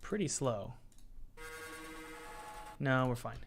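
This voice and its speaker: A man's voice: mid-range voice, animated, takes it slowly, loud music behind the voice. A man streaming his game development work, chatting casually and thinking aloud as he edits sounds and reads chat. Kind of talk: casual live-stream chat while working.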